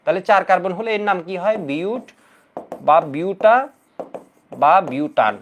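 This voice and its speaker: Lively quizzing male chemistry teacher. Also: fairly high pitch, a little hiss or hum. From Bangladesh. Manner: lively, coaxing, asks students questions and answers them himself; repeats key rules in drilling chants. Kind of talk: exam-prep lecture.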